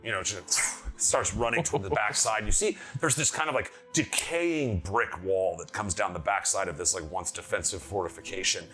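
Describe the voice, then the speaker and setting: A man narrating a tabletop game as game master, improvising in a casual, animated, conversational way. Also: lowish voice, normal speed.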